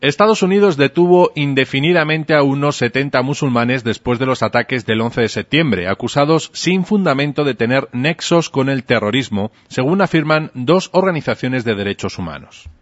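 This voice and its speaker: A man anchoring a news program, reading story introductions in a clear, formal way. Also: mid-range voice, lively intonation, normal speed. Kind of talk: read news report. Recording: dull lo-fi radio audio.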